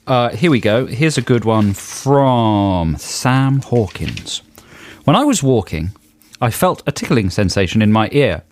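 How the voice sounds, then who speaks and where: Jokey radio host, very lively. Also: male voice, lowish voice, unhurried, a little hiss or hum. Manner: jokey, laughs a lot, hammy emphasis. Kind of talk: playful studio banter, reading listener emails. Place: radio studio. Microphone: studio microphone.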